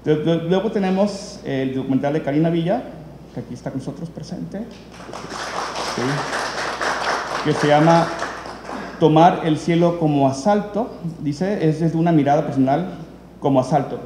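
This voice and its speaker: A man's voice: on the high side, moderate pace, pauses often. A man, hosting an event and introducing documentaries in unscripted speech, full of fillers and restarts. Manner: rambling, many fillers and restarts. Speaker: event host presenting documentaries. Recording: echoey hall, faint room noise.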